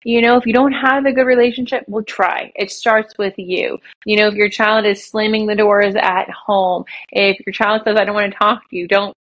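A woman speaks as a podcast guest, earnest and emphatic, with a mid-range voice. She talks in quick bursts and then slows to stress her points. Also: medium pitch, little pitch movement, a bit bright, dull audio. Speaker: guest, children's author and speaker. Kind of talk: podcast interview.

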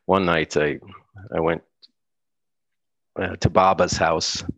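A middle-aged American musician, appearing as an interview guest, chats casually and rambles, often restarting and laughing. His voice sits low, his delivery is flat and slow, and the dry sound is a bit bright with no echo.

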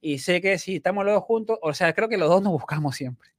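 Man, fast casual chat, dry close sound, many restarts. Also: high-pitched, animated, dry recording. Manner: explains at length, restarts often. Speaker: podcast co-host.

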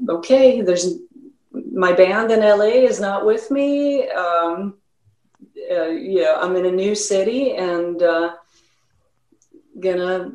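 Raised in Sweden and carrying a slight Swedish accent, a musician chats casually as an interview guest, rambling with plenty of fillers. Her voice is low-ish and darkish, and the recording sounds roomy.

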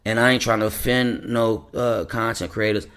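A man hosting a podcast in a loose, rambling style, full of slang and restarts as he gives shout-outs. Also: on the low side, steady tone, normal speed, smooth. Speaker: podcast host. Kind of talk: casual podcast chat.

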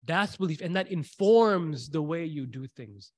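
A man with a slightly high, lively voice and a darkish tone speaks at a measured pace, recorded with no echo. He teaches a religious class through storytelling, repeating key phrases for emphasis, questioning his listeners and reciting short Arabic passages.

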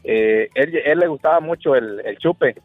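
A man's voice: medium pitch, normal speed, no room sound, soft background music. A man calling in to a radio show, rambling through a personal story and repeating himself as he tells it. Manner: rambling, repeats "le digo" and "Diva". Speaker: radio caller. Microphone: phone. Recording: tinny phone line.

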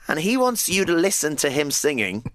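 A man's voice: fairly high pitch, sing-song, a bit bright, slight background noise. A man co-hosting a podcast, telling stories in casual banter with frequent laughter. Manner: giggly, quick storytelling. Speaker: podcast co-host.

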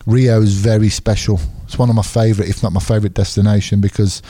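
An English MMA referee co-hosts a casual podcast, rambling through stories, laughing often and restarting sentences. He has a lowish, mellow voice with little pitch movement and talks fast.

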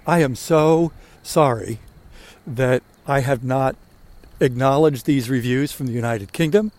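A man's voice: mid-range voice, a little mellow. A man in his sixties hosting a walking podcast, chatting casually and rambling a little as he walks outdoors. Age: 60s. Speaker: podcast host. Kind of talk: casual talk while walking. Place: outdoors on a walk.

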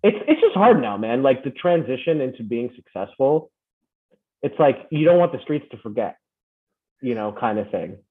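A man's voice: medium pitch, big pitch swings, normal speed. A man who grew up in the Philippines and the United States, chatting as a podcast guest and often tagging his points with "right?". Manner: rambling, tag questions like "right?". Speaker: podcast guest, fan club founder. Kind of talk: casual interview chat. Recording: tinny phone-like remote line.

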